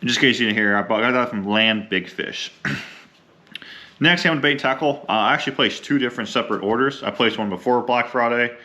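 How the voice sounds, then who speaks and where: A young adult man who is a fishing vlogger chats casually while unboxing fishing gear, rambling and saying "um" a lot. His medium-pitched voice is slightly hoarse from a cold, with a sharp tone and a fairly quick pace.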